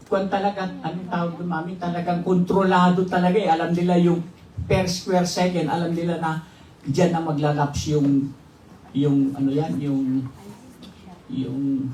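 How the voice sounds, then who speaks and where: A man's voice: fairly high pitch, a little mellow, slight background noise. A Filipino man, a pastor, giving a humorous testimony in a sermon to his congregation. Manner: jokes and laughs with the congregation. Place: church hall. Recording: roomy, distant mic, faint ambience.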